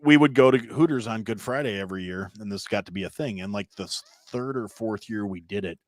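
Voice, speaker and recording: This podcast guest is a man in his thirties from Wisconsin who talks briskly in an echo-free recording. In casual chat he wanders through long stories, voicing the characters in them with sharp leaps in pitch.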